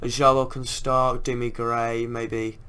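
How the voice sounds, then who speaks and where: A man's voice: medium pitch, flat delivery, takes it slowly, pushed and bright, clean tone. A man giving casual commentary on a video game as he plays. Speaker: gaming video creator.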